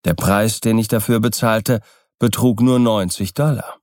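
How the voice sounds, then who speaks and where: A man's voice: on the low side, steady tone, a little mellow, dry recording, clean studio sound, close to an everyday voice. A man voicing a sly, persuasive older seller in an audiobook reading. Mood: explaining. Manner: smooth, persuasive, measured explaining. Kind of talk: audiobook character voice.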